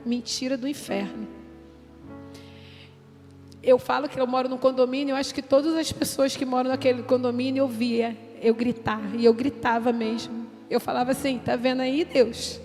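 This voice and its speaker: A Brazilian pastor's wife shares her church testimony in a church hall, telling it emotionally and intensely with acted-out quotes and a Brazilian Portuguese accent. Her high, darkish voice stays steady at a moderate pace, with music behind her in the reverberant hall.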